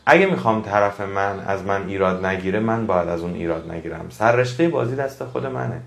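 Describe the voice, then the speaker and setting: A man's voice: fairly low pitch, creaky, roomy sound. A man giving a motivational talk to his audience, earnest and preachy, repeating phrases for emphasis. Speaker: motivational speaker.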